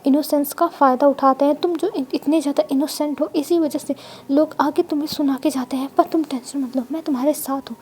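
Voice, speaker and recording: A woman voicing a calm young man who soothes and reassures. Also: high voice, a little fast, lightly acted. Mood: reassuring. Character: young man, gentle and protective.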